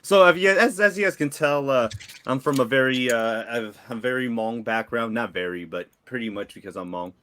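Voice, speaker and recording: Brief: young male podcaster, mid-pitch, relaxed slangy delivery. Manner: laid-back, slangy, halting restarts. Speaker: podcast presenter. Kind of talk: casual presentation among friends.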